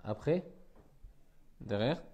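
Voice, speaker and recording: A man's voice: medium pitch, expressive, extremely slow, mellow, lo-fi sound. A man teaching a reading class, patiently repeating words and correcting his pupils.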